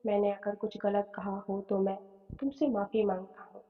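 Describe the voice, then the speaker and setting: A woman's voice: mid-range voice, steady tone, moderate pace, natural voice. A woman voicing a kindly, well-off older man who employs the bride's father, speaking in a reassuring, fatherly way. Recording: phone-like tone, long reverb, soft music.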